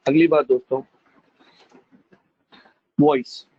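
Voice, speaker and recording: A male teacher gives a classroom lecture, calling students friends, mixing in English phrases and demonstrating with lively emphasis. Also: medium pitch, takes it slowly, no echo. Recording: dull lo-fi dry recording.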